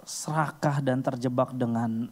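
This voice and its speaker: A man giving a casual storytelling sermon, acting out little scenes with sudden leaps in pitch. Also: unhurried. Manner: animated, acts out little scenes with sudden high jumps in pitch.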